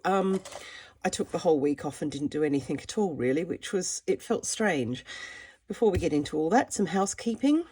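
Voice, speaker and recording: A middle-aged woman with a croaky voice from a cold, chatting casually and a little ramblingly as she talks through her art. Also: fairly low pitch, a little mellow. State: has a cold. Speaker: art vlogger, mixed media artist. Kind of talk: casual chatty sketchbook walkthrough.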